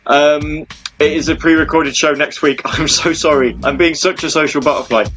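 A man's voice: on the high side, fairly even intonation, moderate pace, a bit bright, faint music behind. A man in his thirties hosting an internet radio show, rambling chattily with lots of ums and restarts. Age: 30s. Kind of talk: casual chat.

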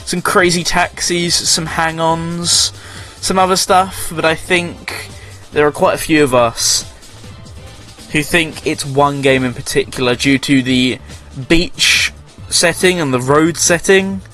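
Man, radio host, casual news chat, rambling, sarcastic asides, bright tense voice, faint background music. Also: a little high. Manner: rambling, self-correcting, joking sarcasm.

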